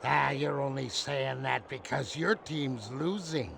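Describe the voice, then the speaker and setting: Creaky, doddering old cartoon superhero, Mermaid Man. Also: medium pitch, slow, slight background noise, heavily acted. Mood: befuddled. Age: older. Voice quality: theatrical, wavering old-man voice. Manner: pompous, absent-minded. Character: doddering, muddled old male superhero, grandly dramatic. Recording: loud music behind the voice.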